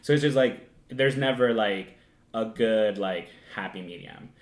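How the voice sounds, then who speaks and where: A man's voice: fairly low pitch, unhurried. Young Dominican man, casual podcast co-host, filler-heavy, echoey room. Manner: relaxed, thinks aloud with many fillers and laughs. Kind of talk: casual chat.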